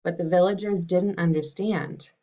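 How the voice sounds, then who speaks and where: A woman teacher talking to fifth graders and reading a picture book aloud in a friendly, unhurried way. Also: lowish voice, fairly even intonation, mellow. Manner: friendly and unhurried, with some fillers. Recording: dull lo-fi recording.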